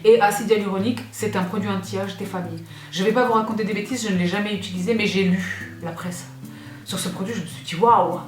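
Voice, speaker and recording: A woman in her thirties chatting casually as she unboxes beauty products, gushing and excitable, breaking into squeals. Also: mid-range voice, quick pace. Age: 30s. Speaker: beauty vlogger. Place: indoors, seated. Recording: roomy echo with faint music.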